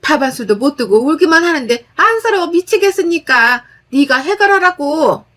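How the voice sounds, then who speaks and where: A woman voicing an older, domineering mother-in-law who berates and accuses loudly. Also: high voice, lively intonation, normal speed, voice pushed up. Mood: scolding.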